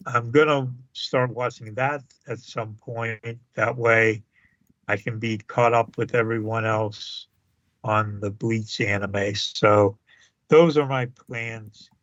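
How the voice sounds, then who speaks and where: A man co-hosts a podcast at an unhurried pace, stumbling through fillers and restarts. His voice sounds a little dull and lo-fi, close and dry. He chuckles often as he talks. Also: lowish voice, fairly bright tone, no echo. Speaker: podcast co-host. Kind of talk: casual podcast chat.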